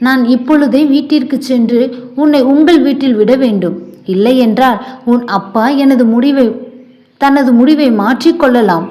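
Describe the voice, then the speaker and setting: A woman's voice: high voice, darkish tone. Woman voicing a cold, greedy young husband. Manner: brusque, hurried.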